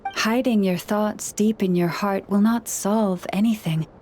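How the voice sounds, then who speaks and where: A woman voices a gentle young Moon Chanter in a video game, a caring counselor to people and animals, speaking calmly, earnestly and in a measured way. Her mid-range voice sounds natural, with a little hiss or hum.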